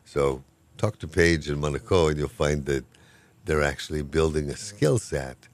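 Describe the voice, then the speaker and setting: An older man who is a professor of Hawaiian language talks casually in an interview, good-humored and self-deprecating as he rambles from point to point. His voice is very deep, and he speaks at normal speed.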